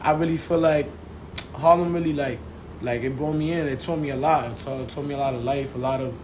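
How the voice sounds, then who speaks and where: A young New York City man appears as a podcast guest in a casual interview, talking in heavy slang and often checking he's understood with tag questions. His medium-pitched voice is steady and a little fast, recorded with roomy echo and clear background noise.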